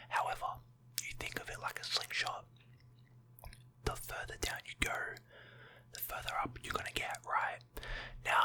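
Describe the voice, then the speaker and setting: A person giving an informal, encouraging motivational pep talk in an ASMR whisper. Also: sharp tone. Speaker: ASMR motivational content creator.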